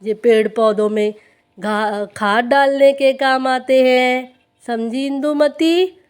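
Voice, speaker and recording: A woman's voice: sits high, slow, clear, resonant tone. A woman voicing a cheerful, hardworking young village girl doll who explains things patiently. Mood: explaining. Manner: busy, reassuring.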